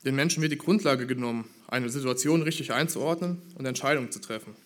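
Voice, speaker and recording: A man preaches a sermon in an earnest, measured voice that sits at an ordinary middle pitch. He builds his points through rhetorical questions aimed at the congregation.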